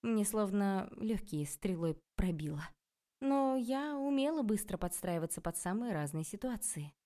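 A woman narrating a novel in the first person, expressive and ironic. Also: medium pitch, measured pace. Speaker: audiobook narrator.

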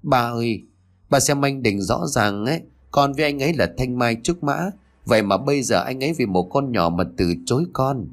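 A man voicing a spiteful, jealous schoolgirl in a read-aloud story, speaking in a sharp, taunting way. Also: medium pitch, animated, normal speed, natural voice. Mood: whiny.

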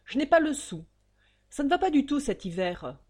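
A woman voicing a greedy, irritable older male banker who rants loudly and scornfully in a storybook reading. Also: sits high, very animated, normal speed, voice pushed up. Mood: grumbling. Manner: loud, ranting and scornful.

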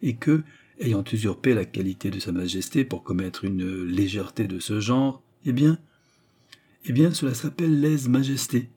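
A man's voice: on the low side, expressive, normal speed, dark tone, breathy edge. A man reading aloud and voicing a scheming, persuasive noblewoman who frightens her young companion with feigned sweetness. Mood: menacing, persuasive. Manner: insistent, menacing, feigned sweetness. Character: scheming, persuasive noblewoman adventuress, middle-aged.

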